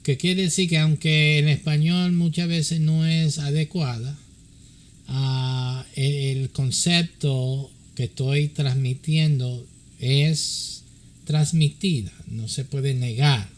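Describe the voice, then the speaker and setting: A middle-aged pastor who counsels other pastors gives an informal teaching talk, speaking slow, halting Spanish with many fillers and switching back and forth with English, his first language. His voice is a little high and steady in tone.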